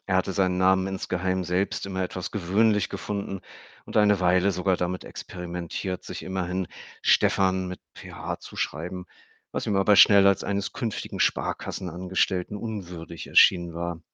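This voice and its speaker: A man reads a story aloud in a calm, wry way, his voice sitting on the low side. The recording is dry and close, with a slightly dull sound. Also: moderate pace, no room sound. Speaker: audiobook narrator. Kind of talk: scripted narration.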